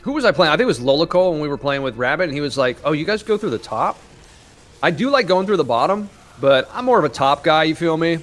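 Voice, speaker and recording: A man's voice: on the high side, big pitch swings, fast talker, few pauses, fairly bright tone, soft background music. A young man hosting a casual gaming stream chat, laid-back and swearing freely, with lots of "dude" and "bro". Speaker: podcast host and streamer.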